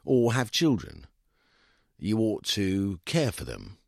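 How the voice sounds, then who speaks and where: A man's voice: lowish voice, wildly swooping pitch, takes it slowly, gravelly, no room sound, studio quality, exaggerated voice. A man reading a story aloud, voicing a glum young man who mumbles hesitant, unsure answers.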